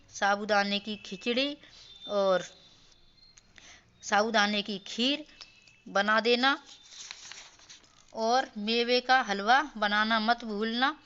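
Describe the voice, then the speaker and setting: A woman's voice: mid-range voice, pushed and bright, smooth, highs cut off. A woman voicing a demanding young new daughter-in-law in a cartoon story, with a wheedling way of asking. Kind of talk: storybook voice acting.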